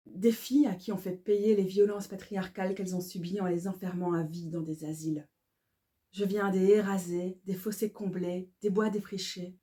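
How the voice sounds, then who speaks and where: A woman, calmly reading her own devotional poetry aloud in a measured, incantatory way. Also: on the low side. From Belgium. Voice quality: calm, measured, incantatory delivery.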